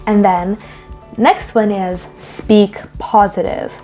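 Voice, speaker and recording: A woman's voice: mid-range voice, fairly even intonation, takes it slowly, mellow, soft background music. A woman hosting a casual vlog with parenting tips, chatty, restarting sentences and acting out little quoted exchanges. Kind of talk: casual advice talk to camera.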